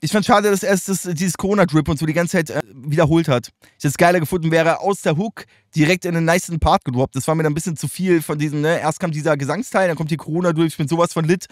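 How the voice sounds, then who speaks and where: A man's voice: a little high, fast talker, hardly any pauses, no echo, studio quality. A man giving loose, slangy reaction commentary, chatting and laughing often. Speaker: streamer reacting to rap videos.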